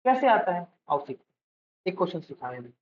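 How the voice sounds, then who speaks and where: A man's voice: sits high, sing-song, brisk. A male physics teacher giving a lecture as he writes out a problem, often asking a question and answering it himself, checking in with his students and calling them by a fond term. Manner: calls students "beta" affectionately. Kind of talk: classroom-style lecture while writing out a problem. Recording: dull lo-fi recording with faint noise.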